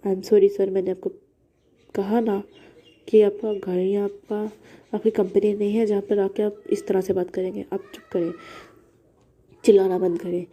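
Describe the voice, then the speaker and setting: Woman voicing a hurt young guy, cold and scolding, husky and dark. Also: mid-range voice, little pitch movement, measured pace, pauses often. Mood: stern. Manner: stern, reproachful. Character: young man, hurt and stern lover.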